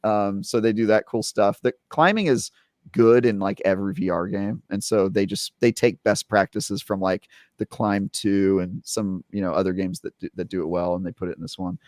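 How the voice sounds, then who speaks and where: A young adult man chats on a gaming podcast in a low voice, and the close mic gives it a dry, intimate sound. He rambles happily, doubling back on his words and leaning on fillers as he works up to the good parts. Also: moderate pace, no room sound. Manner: rambling, filler-heavy, animated retelling. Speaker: podcast co-host, game reviewer. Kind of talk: casual podcast chat.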